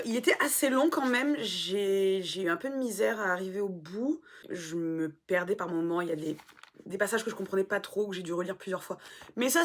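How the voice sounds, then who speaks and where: Lively self-mocking woman vlogger. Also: medium pitch. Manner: animated and self-mocking, swears casually. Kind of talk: casual chat.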